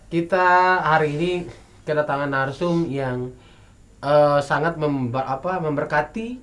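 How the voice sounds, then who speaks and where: A man with an Indonesian accent hosting a TV and radio talk show, upbeat and announcer-like, with some fillers. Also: fairly high pitch.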